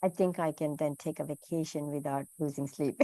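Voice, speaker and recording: Speaking as a guest, a middle-aged food entrepreneur from Malaysia responds to interview questions quickly and chattily, saying "you know" often. Her mellow voice sits low with fairly even intonation, and there's no echo.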